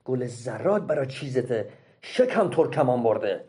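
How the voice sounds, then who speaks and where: A man doing a shrill scolding old granny. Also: big pitch swings, soft background music, natural voice. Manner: high, loud and scolding. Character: scolding old grandmother, sharp-tongued and anxious.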